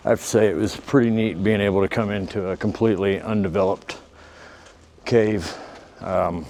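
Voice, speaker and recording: Low-voiced man echoing in a cave. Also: darkish tone. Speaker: vlog host. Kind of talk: casual walk-through vlog. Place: inside a large limestone cave. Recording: echoing cave with background noise.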